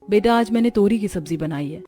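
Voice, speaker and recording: A man's voice: sits high, a little fast, dark tone, pitched above the performer's own voice, close to an everyday voice. A man voicing a polite, put-upon young daughter-in-law in a storybook cartoon. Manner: polite, pleading. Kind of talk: storybook narration.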